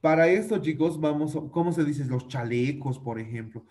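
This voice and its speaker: A man's voice: a little high, normal speed, darkish tone. Patient male teacher drilling English words. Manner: patient, drills pronunciation, uses diminutives. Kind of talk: online class for children.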